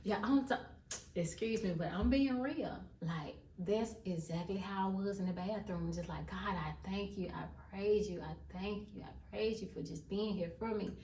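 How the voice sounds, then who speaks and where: A woman's voice: mid-range voice, steady tone, normal speed, hardly any pauses, warm tone. A woman, sharing an emphatic faith testimony to viewers in a casual vlog. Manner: emphatic, addresses viewers as y'all. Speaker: vlogger. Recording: echoey room, voice from far off.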